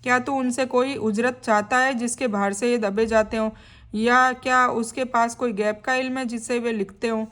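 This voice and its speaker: Woman, fairly high voice, steady teaching read of a scripture translation with plain-spoken explanation. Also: moderate pace. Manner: reads a passage, then explains it in plain conversational words; adds friendly check-ins to the listener. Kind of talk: reading a scripture translation with commentary.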